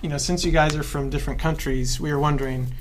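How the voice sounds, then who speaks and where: A man from the United States hosting a casual interview podcast, asking questions in a relaxed way with fillers. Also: on the high side, quick pace. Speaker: podcast host.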